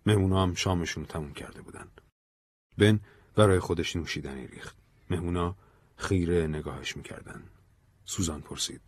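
A man's voice: deep voice, long pauses. A man narrating an audiobook story expressively into a close mic. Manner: expressive, varied.

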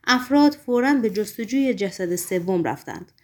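A woman narrating a novel as an audiobook in a measured, literary reading. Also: mid-range voice, animated.

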